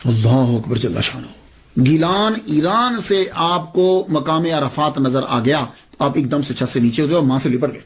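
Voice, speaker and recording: A man preaches a saint's story with animated delivery, posing rhetorical questions and acting out the dialogue. His voice sits a little on the higher side. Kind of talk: religious storytelling sermon.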